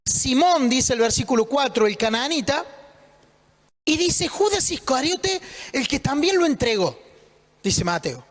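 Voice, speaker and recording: Man, pastor, very high voice for a man, casual joking sermon, long hall reverb. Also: very animated, unhurried, long pauses. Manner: conversational, joking, asks rhetorical questions. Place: church.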